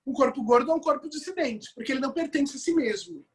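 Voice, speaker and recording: A woman's voice: sits high, animated, fast talker. A woman with a Brazilian Portuguese accent giving an online course lecture, reflective and questioning, often adding tag questions as she reasons aloud.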